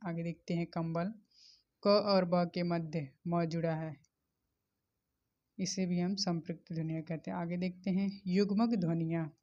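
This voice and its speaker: A woman's voice: fairly low pitch, little pitch movement, unhurried, warm tone. A woman teacher giving a methodical revision lesson on grammar, spelling out letters and examples one by one. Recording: dull lo-fi recording.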